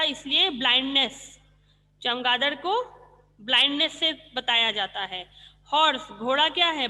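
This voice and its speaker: Bright-voiced woman teacher, echoing room. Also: high-pitched. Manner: explains patiently, asks questions and answers them herself. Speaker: school teacher. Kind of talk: online class lesson explaining vocabulary.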